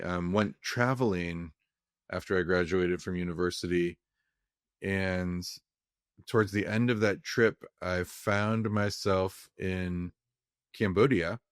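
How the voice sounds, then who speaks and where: A man's voice: low-pitched, no room sound, studio quality. A young man from California, a film director, talking casually in an interview and rambling with many restarts. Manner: rambling, frequent restarts and fillers.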